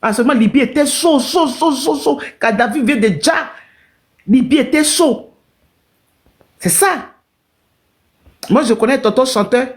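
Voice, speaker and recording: A woman's voice: sits high, animated, a little slow, pauses often. Woman, live-stream storyteller, emotional and repetitive, talks straight to viewers.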